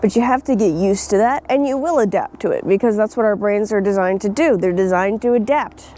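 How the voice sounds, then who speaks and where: A woman's voice: medium pitch, fairly quick, warm tone, slight background noise. A young woman vlogging outdoors, talking bluntly and swearing freely, with frequent laughs. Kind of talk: casual opinion vlog. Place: outdoors in nature.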